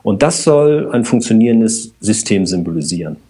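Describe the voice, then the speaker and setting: A man, a systemic coach and podcast guest, explaining his work calmly with everyday examples. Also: fairly low pitch, moderate pace, breathy edge. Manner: explains with everyday examples, addresses host directly. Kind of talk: calm explanatory conversation.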